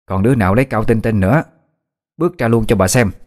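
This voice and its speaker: A man voicing a shrill, cruel middle-aged woman, the wife of a village official, who bosses and threatens the villagers in a told story. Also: fast, darkish tone, lightly acted. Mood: mocking. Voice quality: shrill, shrieking. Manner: bossy, mocking and threatening.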